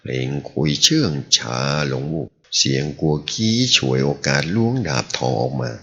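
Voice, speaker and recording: A man narrates a serialized martial-arts novel in an extremely deep, gravelly voice. His pitch moves in a lively way through the story. The recording is dull and lo-fi. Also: moderate pace, slight background noise. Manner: animated storytelling. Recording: dull lo-fi audio.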